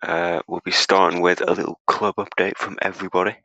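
A man's voice: deep voice, level tone, fairly quick, pushed and bright, dry recording, highs cut off. A man hosting a casual football podcast, joking around. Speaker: podcast host. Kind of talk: casual chat.

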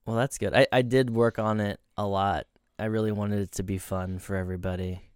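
A man's voice: on the low side, fairly even intonation, brisk, smooth, no room sound, clean studio sound. A man co-hosting a podcast in casual, conversational chat. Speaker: podcast co-host.

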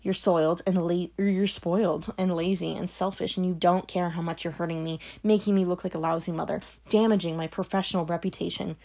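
A cold, controlling middle-aged mother speaks in a sharp, brittle way that sinks toward a hiss, as a woman reader puts her on. Her voice sits low and carries a gravelly fry. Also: steady tone, a little fast, few pauses. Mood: venomous. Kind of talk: audiobook character voice.

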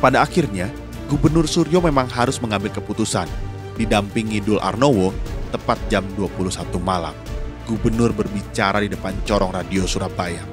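A man's voice: fairly low pitch, brisk, music in the background. A man reading scripted historical documentary narration in a formal, dramatic manner.

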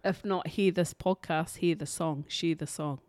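A woman's voice: low-pitched, steady tone, a little slow, a little mellow, dry recording. A woman with a broad New Zealand accent co-hosting a podcast in casual, slangy, enthusiastic chat. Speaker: podcast co-host.

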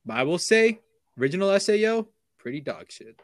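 A man's voice: sits high, very animated, brisk. A young man co-hosting a podcast, chatting casually, joking and swearing freely. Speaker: podcast co-host. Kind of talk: casual chat.

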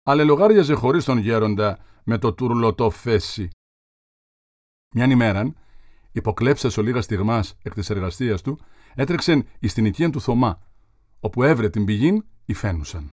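A man narrating a literary audiobook in a measured, formal reading style. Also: medium pitch, animated, a little mellow, no room sound, clean studio sound.

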